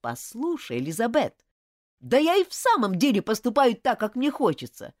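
A woman's voice: a little high, huge pitch swings, moderate pace, a little mellow, dry recording, clean studio sound, pitched above the performer's own voice. A woman reading an audiobook, voicing a proud, hot-tempered schoolboy who talks in an indignant, clipped, scornful way. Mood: threatening.

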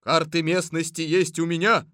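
A man's voice: fairly high pitch, little pitch movement, normal speed, sharp tone, no echo, clean studio sound. A man doing an eager retired old soldier. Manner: barked military replies. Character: retired military man, older, gruff and eager. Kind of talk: audiobook character voice.

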